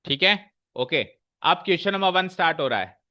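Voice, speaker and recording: A man teaching a maths class, walking through each step and pausing to check that students follow. His voice sits a little high and rings bright and forceful. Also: animated, muffled recording. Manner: explains step by step, checking in with questions. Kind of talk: classroom lesson.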